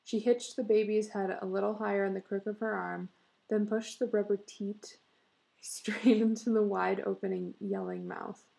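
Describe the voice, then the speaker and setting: Gravelly woman reading a story aloud. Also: mid-range voice, normal speed. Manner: steady reading, breaks into laughs. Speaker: reader.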